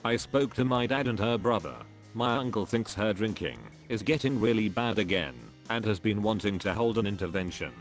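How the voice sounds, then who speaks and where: A man narrating a story in an even, steady reading voice. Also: fairly low pitch, moderate pace, hardly any pauses, faint music behind.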